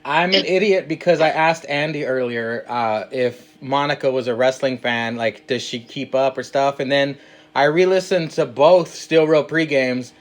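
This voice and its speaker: A man hosting a casual podcast interview, upbeat and quick to laugh at himself. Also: mid-range voice. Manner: upbeat, laughs easily, self-mocking. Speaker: podcast host.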